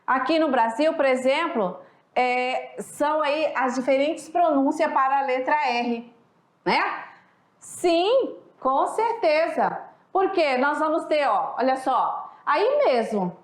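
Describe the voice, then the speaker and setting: A woman's voice: high voice, expressive, slow. A woman with a Brazilian accent teaching a recorded class. She talks in a chatty way and keeps checking in with her students. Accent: Brazilian Portuguese. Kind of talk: recorded online class lecture. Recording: echoey room.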